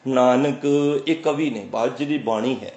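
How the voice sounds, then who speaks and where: A man giving a sermon on scripture. He recites the verses slowly, then explains them and answers his own questions. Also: mid-range voice, a little mellow, echoey room, highs cut off. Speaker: Sikh preacher. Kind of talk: scripture exposition.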